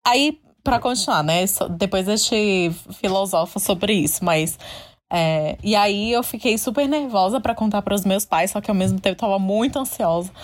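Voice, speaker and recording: A young woman from Brazil, a podcast co-host, telling a family story in casual chat, animated and often laughing. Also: mid-range voice.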